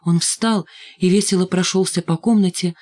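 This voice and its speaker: A woman narrating a children's story in a first-person, measured, storytelling manner. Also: lowish voice, steady tone, darkish tone. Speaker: audiobook reader. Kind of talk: scripted narration.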